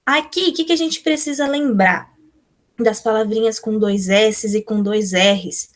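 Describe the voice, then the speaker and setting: A woman's voice: a little high, measured pace. Patient Brazilian woman teacher. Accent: Brazilian Portuguese. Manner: patient, explains step by step, answers pupils' imagined questions. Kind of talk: remote class walkthrough of textbook exercises.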